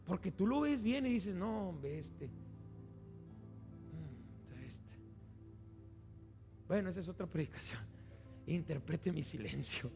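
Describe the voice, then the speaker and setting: A pastor preaching a sermon, acting out quoted voices with animated delivery. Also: male voice, sits high, gravelly.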